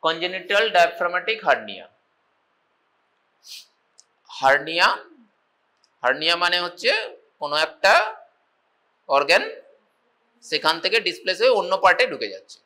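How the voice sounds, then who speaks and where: A man with a Bengali accent giving a medical college lecture, reading slow English lines and explaining them in Bengali, often checking whether students follow. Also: high voice, expressive, pushed and bright, rough recording. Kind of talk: classroom lecture.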